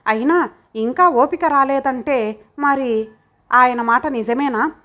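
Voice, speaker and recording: A woman's voice: high-pitched, slow, sharp tone, full character voice. A woman voicing a caring elder son who speaks affectionately to his sick mother, in an audiobook. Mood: tender. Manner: affectionate, coaxing. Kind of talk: audiobook character voice.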